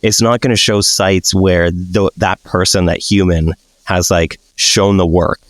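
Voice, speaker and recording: A man co-hosting a podcast, talking in a relaxed, blunt way with lots of fillers. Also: low voice, a little slow, no room sound. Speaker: podcast co-host. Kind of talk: casual chat.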